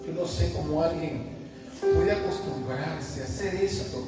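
A man from the Dominican Republic preaches with fervent emotion, dropping to a hush and then rising to shouts. His voice sits slightly high. It is heard from a distance in a big reverberant church hall, with music playing behind him. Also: unhurried. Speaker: guest pastor. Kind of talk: preaching a sermon with live interpretation.

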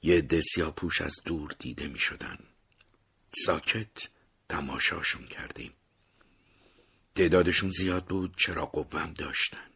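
Husky low-voiced man narrating an audiobook. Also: long pauses. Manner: expressive storytelling, dropping to whispers at tense moments. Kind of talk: first-person audiobook narration.

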